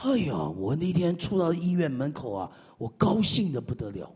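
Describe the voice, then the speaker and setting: Animated male preacher in an echoey hall. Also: moderate pace, breathy edge. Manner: animated, swings from loud exclamations to low murmured amens. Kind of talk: sermon.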